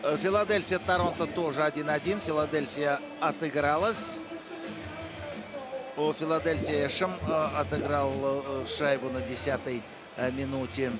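A male hockey commentator with a fairly high-pitched voice calls the game live. He speaks haltingly, often stretching hesitations between short phrases. Loud music plays behind him. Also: steady tone. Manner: hesitant, halting delivery with frequent drawn-out filler pauses. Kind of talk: live play-by-play sports commentary.

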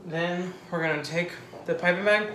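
A giggly man in his 20s hosts a home baking vlog, chatting casually to camera while he bakes. His voice is high, bright and forceful, at a moderate pace. The home kitchen sounds echoey, with clicks and background noise.

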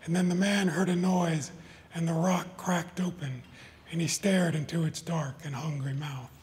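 A man reading his short stories aloud at a live event, in an even, deliberate storytelling manner. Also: on the high side, slight background noise. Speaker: author. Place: live reading before an audience.

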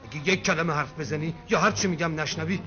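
A man's voice: on the high side, music in the background, natural voice. An actor playing a scheming man who threatens a woman into marrying him, with a smug, menacing manner. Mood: threatening. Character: scheming village lord forcing a woman to marry. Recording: dull old film soundtrack with loud score.

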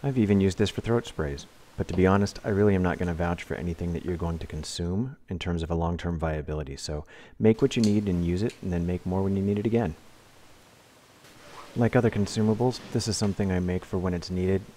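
A man hosting a do-it-yourself channel, talking through a craft demonstration in a relaxed, practical, plain-spoken way as a close-miked voice-over. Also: deep voice, quick pace, a little hiss or hum. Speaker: DIY channel host. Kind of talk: casual tutorial voice-over.

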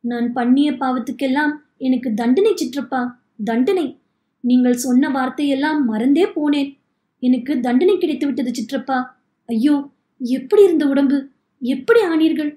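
A tearful young man pleads for forgiveness, his sorrow spilling into every line, as a woman reads him aloud. The voice sits high and mellow. It rings in an echoey room. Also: moderate pace, long pauses, natural voice. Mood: pleading. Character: remorseful young man, weeping, begging forgiveness.

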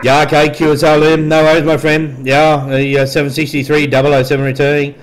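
An Australian man working as a radio operator, chatting casually and amiably in radio procedure talk, with hesitant pauses. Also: on the high side, flat delivery, poor audio. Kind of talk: radio contact chat with spelled-out call signs. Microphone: dual-element studio desk microphone at a radio set.

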